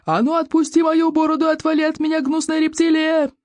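A reader voicing a huge, gruff Viking chief and father who gives orders and bellows, in a storybook reading. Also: mid-range voice, very animated, fairly quick, a little mellow, no echo. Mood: bellowing. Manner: bellowing, commanding.

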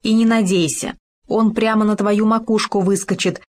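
A woman's voice: mid-range voice, fairly even intonation, normal speed, darkish tone, natural voice. A woman voicing a boastful, scheming male hamster in a children's story, talking bossily and slyly. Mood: bossy. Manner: bossy, indignant and sly.

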